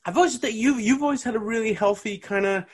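A Canadian man hosting a relaxed podcast conversation. He talks in loose, rambling stretches, restarting his sentences and repeating words as he works his way to the point. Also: sits high, fast talker, breathy edge. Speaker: podcast host. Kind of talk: casual chat.

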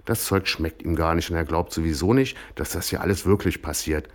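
Man, narrator, comic story reading, dry delivery, very low voice. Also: fairly quick.

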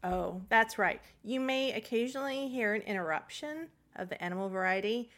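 A woman co-hosting a podcast in casual chat, quirky and chatty and quick to laugh. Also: fairly high pitch, expressive, fairly bright tone. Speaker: podcast co-host.

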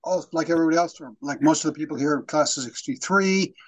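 A man's voice: a little high, fast, rough recording. Matter-of-fact man in his eighties. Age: 80s. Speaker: guest panelist.

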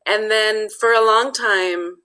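A woman's voice: mid-range voice, fairly even intonation, slow pace, bright, forceful tone, rough recording. A woman from Nepal, a guest author talking through her thoughts in a casual interview, often restarting phrases and adding "you know.".

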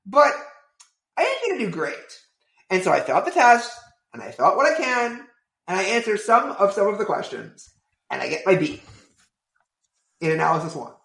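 Man, podcast guest, lively swooping delivery, rambling with fillers, roomy echo. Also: high voice, brisk, creaky, pauses often. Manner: animated, rambling, many fillers like "right?". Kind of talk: casual storytelling.

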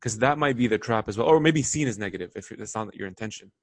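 A man's voice: lowish voice, animated, no echo. A young man from Lebanon hosting a podcast interview, talking casually and friendly. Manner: quick, casual, friendly, repeats words. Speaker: podcast host.

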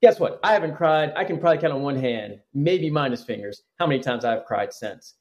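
A man's voice: medium pitch, lively intonation, a little fast, lo-fi sound. A man who is a psychologist, talking earnestly as a podcast guest and often restarting his phrases. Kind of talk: conversational podcast interview.

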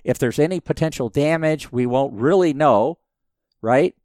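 A man in his fifties tells stories as a podcast guest, his voice smooth and resonant on a dry, close recording. He rambles with plenty of restarts but keeps the telling lively. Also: on the high side, moderate pace, no room sound. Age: 50s. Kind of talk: casual storytelling interview.

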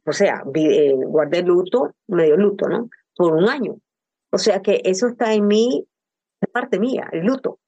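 Earnest older woman, low mellow voice. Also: muffled recording. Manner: earnest, personal, uses rhetorical questions. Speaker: grief counselor. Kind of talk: reflective interview talk.

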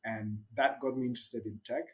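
A man's voice: medium pitch, fairly even intonation, a little fast, rough recording. A Kenyan man in his thirties, a tech founder telling his story as a guest in a casual interview, with a laugh now and then.

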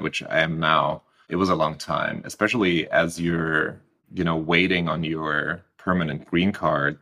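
A man's voice: sits low, pushed and bright. A man in his thirties from Germany with a heavy German accent, talking reflectively as an interview guest and often restarting his sentences. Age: 30s. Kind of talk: casual interview talk.

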